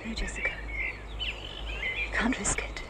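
A woman's voice: measured pace, lightly acted. An actress playing a possessive, hostile woman in a horror film, curt and stern. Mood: firm. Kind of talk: film acting. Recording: noisy film soundtrack, outdoor birdsong.

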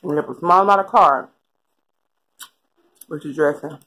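A woman's voice: low-pitched, moderate pace, a bit bright, rough recording. A woman chatting casually in an eating vlog, talking between bites with her mouth partly full. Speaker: vlogger.

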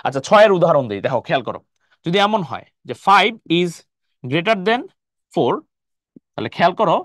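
Lively man teaching a math class. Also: high-pitched, no echo. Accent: Bangladeshi Bengali. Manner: explains step by step, keeps asking "clear?". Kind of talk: live online math lesson.

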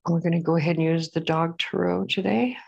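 A woman with a somewhat low voice talks her viewers through a casual tarot reading at home. She rambles in a chatty way and keeps breaking off to apologize. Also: fairly even intonation, fairly quick, gravelly, darkish tone, breathy edge, lo-fi sound. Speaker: tarot reader. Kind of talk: casual pick-a-card reading. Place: at home with a pet bird.

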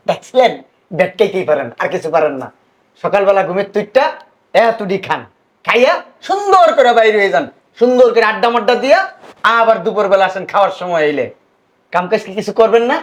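An actor playing a greedy, bossy middle-aged father-in-law who scolds and mocks in rapid, speech. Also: sits high, lively intonation. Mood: mocking. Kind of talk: village comedy drama.

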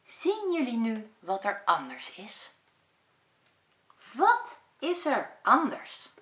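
A woman kindergarten teacher reading a picture book aloud to young children, expressive and asking them questions. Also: fairly high pitch, slow. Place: school room. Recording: echoey room.

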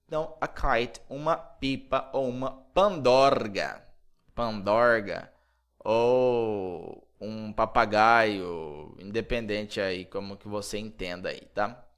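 A man's voice: lowish voice, takes it slowly, a bit bright, clean tone. A man with a Brazilian Portuguese accent from Mato Grosso, teaching an English lesson and repeating words to drill them.

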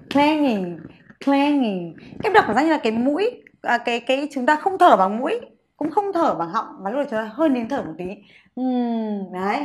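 A woman's voice: on the high side, a little hiss or hum. Echoey woman teaching vocabulary. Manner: models words slowly for students to repeat. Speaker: English teacher. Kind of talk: vocabulary lesson with drills.

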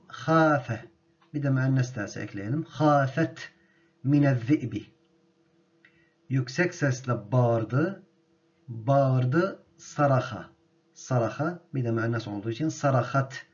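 A male teacher leads a grammar lesson at an unhurried, measured pace, saying each word twice so it sinks in. His voice sits at an ordinary middle pitch. The recording sounds dull and muffled, like lo-fi audio. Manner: slow and deliberate, repeating each word for drilling. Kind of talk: grammar lesson with spoken drills.

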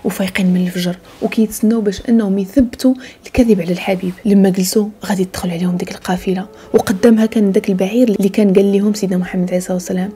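A woman with a Moroccan Arabic accent telling a religious story in a soft voice that often slips into a hushed whisper. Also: mid-range voice, fairly even intonation, very fast, husky.

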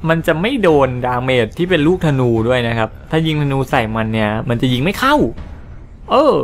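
Excitable man doing gameplay commentary. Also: a little high, a little fast, a little hiss or hum. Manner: excitable, explains and translates game dialogue. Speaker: gaming channel host. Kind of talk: casual let's-play commentary.

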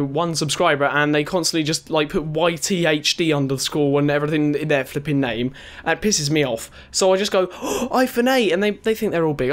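A young male gaming vlogger with a noticeably high voice talks his way through a countdown, sarcastic and crude, swearing often. His words come out a little slurred from a dental retainer. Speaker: gaming YouTuber. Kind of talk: casual countdown commentary.

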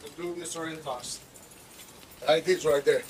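A man's voice: fairly high pitch, moderate pace. A male police officer giving blunt, curt orders on a body camera. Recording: body cam audio with steady hiss.

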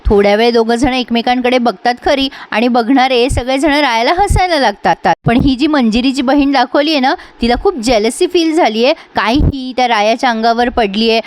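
A woman's voice: on the high side, normal speed, hardly any pauses. A woman recapping a TV serial episode in a chatty, storytelling way. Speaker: serial reviewer.

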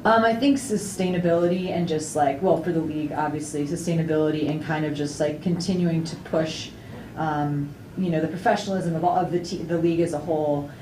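A young woman, a soccer player, answering questions at a post-game press conference in a chatty, upbeat way, full of fillers and quick laughs. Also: low voice, steady tone, warm tone. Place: indoor press room before a sponsor backdrop. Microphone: table mic on a stand, camera at a distance. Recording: echoey room, distant mic, faint noise.

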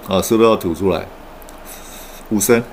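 A man giving an online English pronunciation lesson. He explains patiently with frequent "oh" fillers and models each word slowly. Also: deep voice, slight background noise.

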